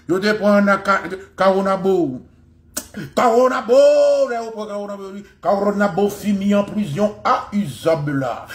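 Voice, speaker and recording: A man's voice: high-pitched, fairly bright tone. A man giving an impassioned history lecture, fervent and repeating phrases for emphasis.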